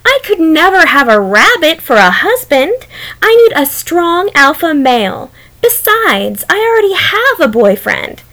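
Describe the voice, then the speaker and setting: A woman's voice: very high voice, very animated, a little slow, bright, forceful tone, pitched above the performer's own voice, full character voice. A woman voicing a proud, graceful female wolf who speaks haughtily and with disbelief. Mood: haughty. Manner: haughty, surprised, sceptical.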